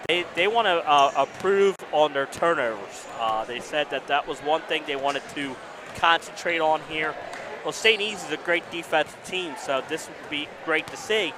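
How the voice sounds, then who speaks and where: A man giving live basketball analysis as color commentator, conversational and a bit halting as he picks his words. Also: a little high. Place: indoor school gymnasium. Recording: noisy gym with bouncing balls.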